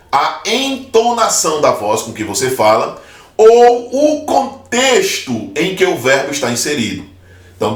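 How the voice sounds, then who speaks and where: A man teaching a grammar video lesson, explaining patiently and slowing down to spell out forms. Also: fairly high pitch, far from the mic. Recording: echoey room, voice off-mic.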